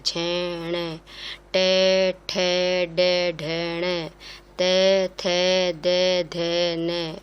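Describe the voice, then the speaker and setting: A woman teaching a class, slowly spelling out each sound one at a time. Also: fairly low pitch, clear, resonant tone. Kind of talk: classroom lesson.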